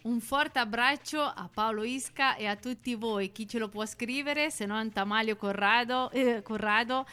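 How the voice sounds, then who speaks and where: A woman's voice: on the high side, moderate pace, hardly any pauses, pushed and bright, clear, resonant tone. A woman hosting a casual live radio interview chat. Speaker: radio host.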